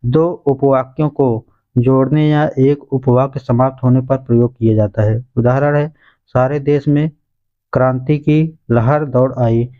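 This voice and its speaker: A man's voice: mid-range voice, fairly even intonation, a little slow, lo-fi sound. A male teacher going through exam questions and answers point by point, calling his listeners friends. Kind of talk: exam revision lesson.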